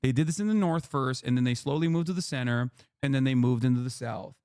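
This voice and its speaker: A man's voice: medium pitch, fast talker, smooth. A man in his thirties hosting a stream, explaining politics to a guest in a heated, profane way and pushing his voice up hard for emphasis. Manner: impassioned, profane, rising to near-shouting emphasis. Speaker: streamer host.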